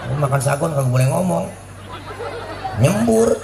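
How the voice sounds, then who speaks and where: A man's voice: fairly high pitch, moderate pace, reverberant. A man preaching a comedic sermon to young people, teasing and joking as he tells stories. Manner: joking, teasing, lively storytelling. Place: community religious gathering. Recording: noisy live event with crowd laughter.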